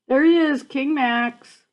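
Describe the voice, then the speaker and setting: Like a grandmother, an older woman reads a picture book aloud to children, adding chatty asides and checking in with her young listeners. Her voice is high-pitched, and the recording's highs are cut off.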